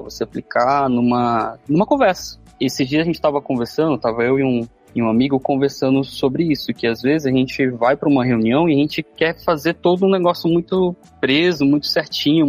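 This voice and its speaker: Husky man explaining with rhetorical questions. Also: medium pitch. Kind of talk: casual chat.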